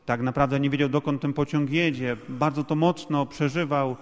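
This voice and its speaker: A man's voice: medium pitch, steady tone, moderate pace. A man interpreting a sermon in a church, restating each point at length with fillers. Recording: long hall reverb.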